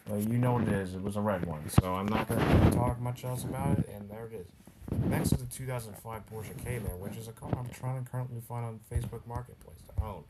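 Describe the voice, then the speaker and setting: A man's voice: fairly low pitch, steady tone, fast, heavy background noise. A man casually running through the cars of a video game, rambling and often breaking into giggles.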